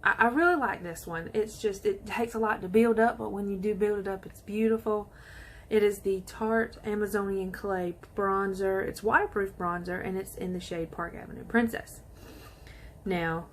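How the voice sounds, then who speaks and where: A woman chatting excitedly to viewers while she does her makeup in a casual tutorial. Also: medium pitch, normal speed, a little hiss or hum. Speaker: beauty vlogger.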